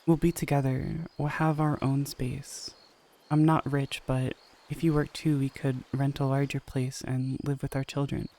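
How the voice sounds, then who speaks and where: A man's voice: mid-range voice, flat delivery, measured pace, darkish tone, lightly acted. A man reading the lines of an earnest young male soldier who pleads with the woman he loves, in an audio story. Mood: pleading.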